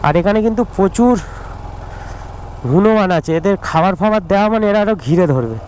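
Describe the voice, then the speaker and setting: A Bengali-accented man narrates a casual travel vlog outdoors, pointing things out to his viewers and tripping over words now and then. His voice sits high for a man. Faint road and engine noise hums behind him, picked up by an action camera on his helmet. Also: animated, brisk, a little mellow, low-quality recording. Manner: chatty, points things out to viewers, stumbles and restarts. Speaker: travel vlogger. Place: outdoors, riding a motorbike on country roads and climbing steps.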